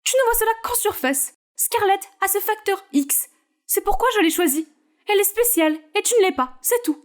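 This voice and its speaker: A strict showbiz mother barks orders in a high, cutting voice, played by a woman. She is cold, bossy and dismissive, like a hard manager in an animated story. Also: moderate pace.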